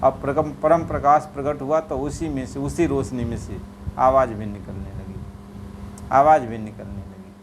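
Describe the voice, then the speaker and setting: A man giving a devotional sermon, repeating phrases and drawing out chanted verses in a slow, melodic way. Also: medium pitch, steady tone, noisy background. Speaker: spiritual preacher.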